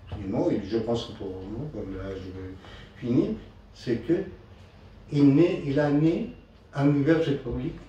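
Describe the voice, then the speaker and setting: A man with a mid-pitched, mellow voice improvises a political speech in halting French with a foreign Spanish accent. His phrasing is broken and non-native. He sounds distant in a very echoey room. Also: highs cut off. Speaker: speaker at a political meeting.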